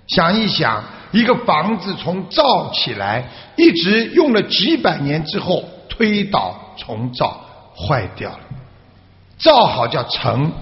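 Slow, gravelly male Buddhist preacher. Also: fairly high pitch. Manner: many drawn-out "ah" fillers, asks the audience questions. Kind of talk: sermon storytelling. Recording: echoey hall, dull lo-fi sound.

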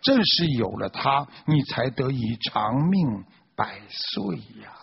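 A man voicing a god who speaks gravely and heavily to a chastened turtle. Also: medium pitch, expressive, slow pace, long reverb tail, background noise. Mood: solemn. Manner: grave and admonishing. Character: solemn god, sighing and heavy-voiced. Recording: dull lo-fi recording.

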